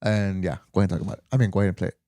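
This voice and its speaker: A man's voice: deep voice, steady tone, rapid-fire, mellow, no echo, studio quality. A man hosting a podcast in casual, rambling chat, swearing now and then. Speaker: podcast host.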